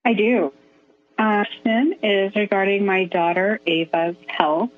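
A woman calling in to a radio show, speaking hesitantly with pauses and restarts over a choppy phone line that keeps cutting out. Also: medium pitch, steady tone. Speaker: caller. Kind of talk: call-in radio chat. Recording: tinny dry phone line.

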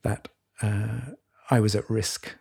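A man co-hosting a podcast, talking reflectively in a halting, searching way with many restarts. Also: lowish voice, level tone, gravelly, a little mellow, breathy edge. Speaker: podcast co-host. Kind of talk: reflective conversation.

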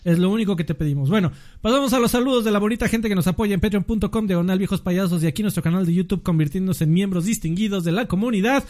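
High-voiced Mexican man hosting a podcast. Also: fast talker, darkish tone. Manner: informal, addresses viewers directly, swears casually. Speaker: podcast host reading listener greetings. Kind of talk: casual podcast chat.

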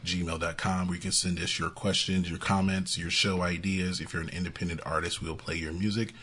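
A man with a very deep, slightly husky voice co-hosts a casual podcast. He chats loosely, with fillers and frequent laughter, running through plugs and music news. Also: little pitch movement, a little fast, a bit bright. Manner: chatty, laughs often, fillers. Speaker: podcast co-host.

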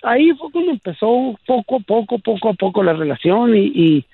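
High-pitched man with a Chicano border accent. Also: very animated, breathy edge. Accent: northern Mexican border, Chicano. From Naco, on the Sonora-Arizona border. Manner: slangy, halting, repeats himself. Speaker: radio show caller. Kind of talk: casual chat, telling personal stories. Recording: muffled, thin, dry phone-like sound.

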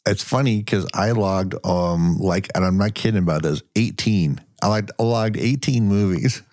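A man co-hosts a casual podcast chat, sounding congested from a lingering cough, speaking loosely and profanely and laughing often. His voice is on the low side and darkish at a normal speed, recorded at studio quality with no room sound.

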